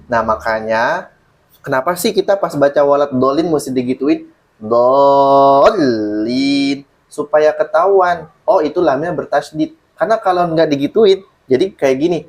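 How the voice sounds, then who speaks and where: With a slightly high voice at normal speed, a man leads an online Quran recitation class. He patiently lays out the rules, recites examples, and keeps checking that the student understands.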